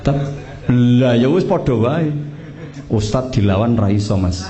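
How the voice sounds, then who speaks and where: A man's voice: mid-range voice, expressive, unhurried, mellow. Joking Javanese man teaching a class. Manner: joking, teasing, mixes local slang into teaching. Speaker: Islamic teacher training imams and muezzins. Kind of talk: casual religious class instruction.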